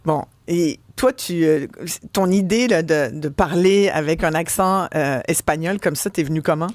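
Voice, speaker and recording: A woman's voice: low voice, normal speed, darkish tone, no echo. Enthusiastic woman radio host. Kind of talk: radio interview hosting.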